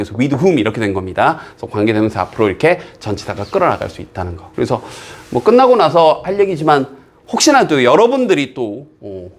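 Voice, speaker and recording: A man teaching an English reading passage in a recorded exam-prep lecture. His voice sits somewhat high and swings widely in pitch. He reads English phrases aloud slowly, then explains them at a quick clip.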